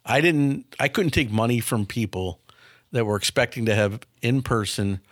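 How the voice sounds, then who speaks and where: A man's voice: medium pitch, normal speed, dry recording, clean studio sound. A man in his fifties, a business owner answering interview questions frankly and often repeating words as he starts a sentence. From small town near Milwaukee, US. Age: 50s. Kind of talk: casual interview talk.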